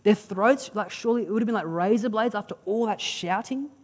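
A preacher delivering a sermon, retelling a story with dramatic pauses in a casual, conversational way. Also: medium pitch. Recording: long reverb of a large hall.

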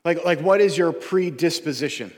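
A man's voice: a little high, moderate pace, in a large hall. A man preaching a sermon as a pastor, earnest and conversational, often repeating words and restarting his phrases.

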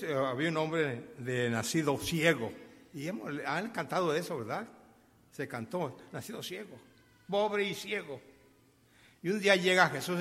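An elderly man delivers an emphatic sermon. His voice sits fairly high for a man, and it rings out with a long reverb from a big hall. He tells stories and keeps asking his listeners questions. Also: fairly bright tone. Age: 80s. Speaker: preacher.

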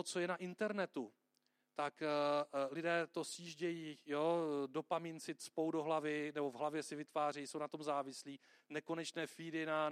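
A man's voice: fairly high pitch, clean tone, dry recording, studio quality. A man preaching a sermon in a conversational way, often checking in with the listeners. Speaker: pastor.

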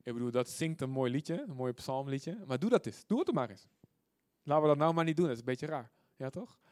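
A man preaching a sermon, reading scripture out loud with force and dropping to quiet asides, often putting questions to his listeners. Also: medium pitch, lively intonation, a little fast, no room sound, studio quality. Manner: asks the audience questions often.

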